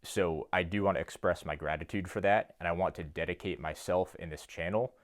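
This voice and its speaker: A young man talking to camera in his home basement gym, earnest and self-described monotone, filmed on a phone. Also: low voice, brisk. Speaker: fitness YouTuber and coach. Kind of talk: casual talk to camera.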